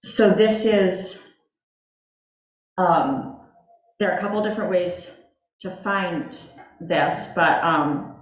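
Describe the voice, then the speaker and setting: A commission member with a low voice speaks slowly, leaving long pauses, at a town meeting. She walks through her explanation step by step with many fillers in a casual discussion, recorded in an echoey room.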